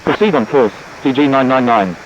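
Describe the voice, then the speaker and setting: A man's voice: medium pitch, fairly quick, highs cut off, a little hiss or hum. A man acting as a pilot, giving terse, clipped radio calls heard through a cockpit headset radio.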